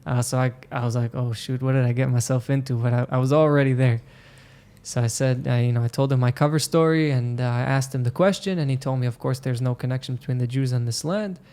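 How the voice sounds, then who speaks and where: A man from Israel sits in as a podcast guest and recounts his experiences in a loose, unhurried chat. His voice sits at an ordinary middle pitch. He keeps pausing on "um" and "you know" as he works through each story. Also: mellow, smooth. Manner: hesitant, full of "um" and "you know" fillers.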